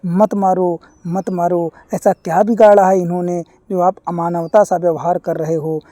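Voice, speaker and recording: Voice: medium pitch, level tone, normal speed, warm tone, no echo, natural voice. A storyteller voicing a pleading young village bride. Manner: pleading, distressed.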